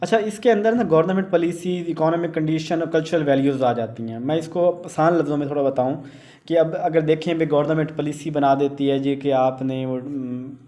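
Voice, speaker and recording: Man, high voice, teacher lecturing, English terms mixed in. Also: fairly even intonation, brisk, dark tone. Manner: frequent fillers and checks like "theek hai na"; mixes English terms and read English lines into speech. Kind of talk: lecture explaining theory.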